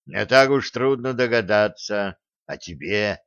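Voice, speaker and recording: A man's voice: on the low side, expressive, unhurried, a bit bright, smooth, dry recording. A man doing a jittery young soldier. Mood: anxious. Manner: plaintive and uneasy. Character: nervous young male soldier, anxious. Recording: dry, slightly dull recording.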